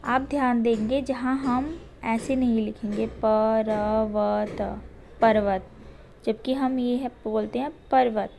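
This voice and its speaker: A woman teacher giving a recorded lesson to young children, speaking slowly and patiently and repeating words for the pupils. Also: on the high side, fairly even intonation, creaky, a little mellow, a little hiss or hum.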